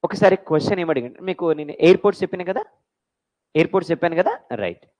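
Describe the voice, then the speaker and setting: Lively quizzing woman teacher. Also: lowish voice, very fast, low-quality recording. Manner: quizzing students with call-and-response questions; mixes English phrases into Telugu. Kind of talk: classroom lecture for exam prep.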